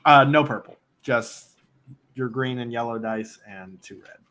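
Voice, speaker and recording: A man narrating as the game master of a tabletop game, relaxed and rambling with many fillers. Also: mid-range voice, measured pace, a crowd in the background.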